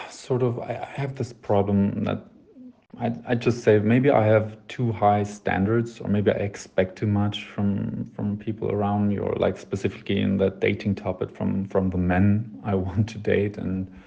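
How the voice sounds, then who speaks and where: Late-twenties German man, casual voicemail, halting and self-deprecating, gravelly low voice. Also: little pitch movement, dull audio. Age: 20s. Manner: rambling, hesitant, full of fillers and restarts; self-deprecating, soft laughs. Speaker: voicemail sender. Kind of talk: casual voice message.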